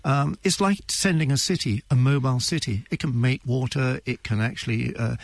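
Creaky-voiced British male analyst. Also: mid-range voice, brisk, dry recording. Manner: rhetorical questions and tag questions. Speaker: defence analyst. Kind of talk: conversational expert commentary in a radio interview.

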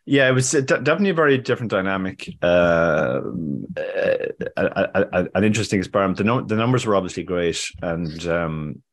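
A man co-hosting a podcast in casual chat, halting and often repeating words as he starts. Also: low voice, animated. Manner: halting, stammered repetitions. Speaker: podcast co-host.

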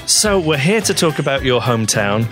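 A man hosting a radio interview, asking his guest quick prompting questions. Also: mid-range voice, very animated, music in the background. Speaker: radio host.

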